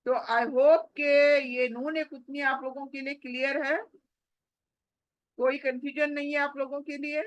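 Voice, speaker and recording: A woman teaching Quran recitation online, drawing out the examples slowly and then explaining them briskly. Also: high-pitched, little pitch movement, no echo, low-quality recording. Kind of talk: online tajweed lesson.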